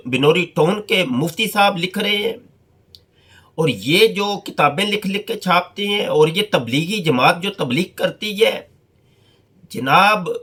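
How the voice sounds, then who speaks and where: Animated man giving a religious talk. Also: sits high. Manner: reads out an anecdote, then comments with emphatic repetition. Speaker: religious scholar.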